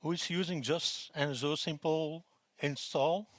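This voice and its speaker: A man's voice: a little high, unhurried, dry recording. Belgian man presenting at a conference. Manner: relaxed, with frequent fillers and restarts. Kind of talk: technical conference talk. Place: conference room.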